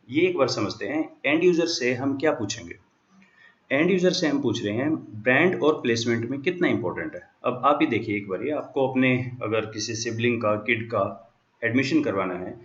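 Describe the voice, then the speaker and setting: Male lecturer, walks through each step patiently, mid-pitched voice, echoey, slightly dull recording. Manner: explains step by step, mixing English terms into Hindi. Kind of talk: classroom lecture. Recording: echoey room, dull lo-fi sound.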